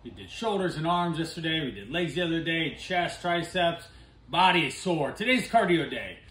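A man in his thirties, a fitness coach, talking through a workout in an energetic, instructive way in his home barn gym. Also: on the high side. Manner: energetic, instructive, brisk cues. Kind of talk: workout vlog narration. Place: large home gym in a barn with metal walls. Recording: echoey barn room.

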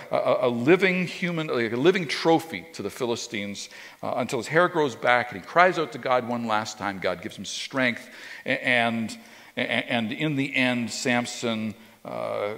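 With vocal fry and a medium, slightly bright pitch, a pastor in his fifties preaches in a loose, conversational style marked by frequent restarts and repeated words. He's indoors on a church stage with a drum kit at his back, and the hall's reverb is long.

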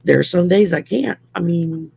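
Speaking at a moderate pace, this Louisiana woman in her sixties has a fairly low, darkish, slightly rough voice with vocal fry and no room sound. As a guest on a home video call, she chats casually, rambling with plenty of fillers and frequent laughter.

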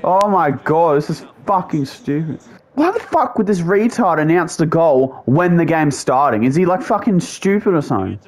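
A man rants through his own gameplay, swearing constantly and exasperated. His voice sits a little high and swings wildly in pitch. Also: very animated, normal speed. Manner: ranting, heavy swearing, exasperated outbursts. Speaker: gamer. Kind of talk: angry gameplay commentary.

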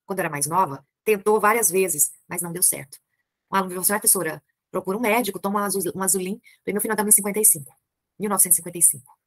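Chatty fast-talking Brazilian woman teacher. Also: fairly low pitch, a bit bright, no room sound. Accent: Brazilian Portuguese. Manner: chatty, gossipy, addresses class as "gente". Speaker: literature teacher. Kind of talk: online literature class.

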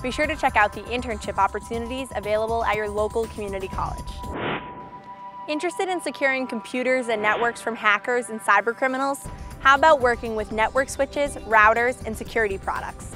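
A woman's voice: on the high side, a little fast, over music. A young woman hosting a career show, reading upbeat scripted presenting lines outdoors. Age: young adult. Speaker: host. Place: outdoors on a campus.

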